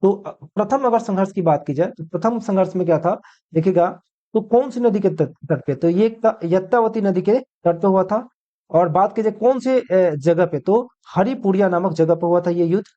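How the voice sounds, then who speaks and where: A man's voice: high voice, normal speed, mellow, highs cut off. A male teacher giving an exam-prep history lecture, asking questions and answering them himself, dropping English words into his Hindi.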